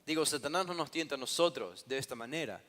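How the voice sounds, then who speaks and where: A man preaching an expository sermon as pastor, emphatic, asking rhetorical questions and dropping to soft endings after loud stresses. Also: fairly high pitch, lively intonation, fast talker. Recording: long church hall reverb.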